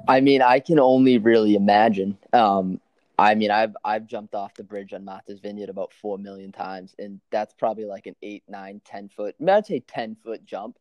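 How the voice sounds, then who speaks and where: A man's voice: lowish voice, fairly even intonation, normal speed, darkish tone, no room sound, dull audio. A young man co-hosting a podcast in a joking, casual way, often checking that his friend follows him. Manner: jokey, keeps saying "you know what I'm saying". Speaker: podcast co-host.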